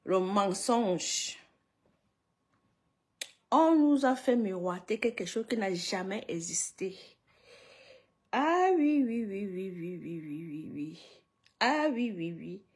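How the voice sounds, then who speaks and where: A woman's voice: mid-range voice, expressive, takes it slowly, pauses often, darkish tone, husky. A woman hosting a casual live stream, greeting viewers one by one, repeating herself and laughing often between lines.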